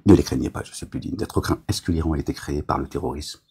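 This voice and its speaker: A man's voice: very deep voice, fast talker, darkish tone, husky. A man delivering a rambling, agitated monologue to his viewers, scolding them as a self-styled preacher, with constant verbal tics.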